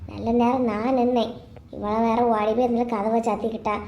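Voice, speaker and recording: A woman's voice: a little high, little pitch movement, a little fast, reverberant, dull audio, lightly acted. A woman voicing a caring, fiery older woman friend in a cartoon, speaking with a Kanyakumari Tamil accent. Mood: indignant. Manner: soothing, then indignant. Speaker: cartoon character. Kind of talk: cartoon voice acting.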